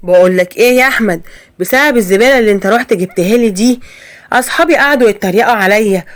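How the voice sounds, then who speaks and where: A woman's voice: mid-range voice, very fast, lightly acted. Woman voicing a scornful Egyptian mother-in-law. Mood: scolding. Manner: scolding, contemptuous. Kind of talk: animated story narration.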